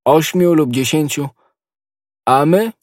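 A man reading the part of a calm, stern nobleman musketeer in an audiobook, with dry, measured scorn. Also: on the high side, no echo, voice pushed up. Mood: scornful.

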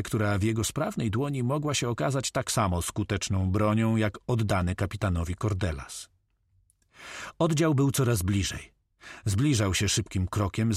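Man, audiobook narration, steady storytelling, low pitch, dry recording. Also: breathy edge, no room sound. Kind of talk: scripted narration of an adventure novel.

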